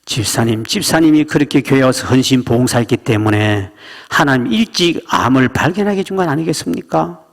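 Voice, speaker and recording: Male pastor, emphatic storytelling sermon, animated pitch, church reverb. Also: a little fast, creaky. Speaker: senior pastor. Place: church sanctuary. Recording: long reverb of church sanctuary.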